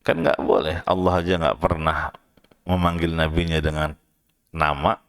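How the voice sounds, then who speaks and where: A man with an Indonesian accent gives a Quran lesson in a mosque, his voice low and clean. He talks in a relaxed, conversational way and keeps checking in with the congregation. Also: clean tone. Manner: explains in plain everyday talk, often checks in with the audience; chants verses slowly, then raises his voice to act out the shouting. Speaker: Quran teacher. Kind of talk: mosque study lecture.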